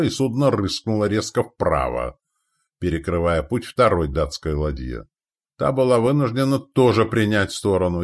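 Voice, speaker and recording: Deep-voiced man narrating a historical adventure. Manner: acts out each character's lines. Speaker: audiobook narrator.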